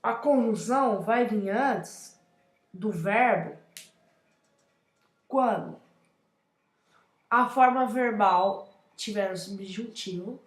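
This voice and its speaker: A woman's voice: medium pitch, slow pace, long pauses. A young woman with a Brazilian Portuguese accent explaining grammar in a casual classroom style, often checking in with her listeners. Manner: chatty, addresses viewers with frequent check-ins. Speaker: teacher presenting a grammar lesson. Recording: echoey room.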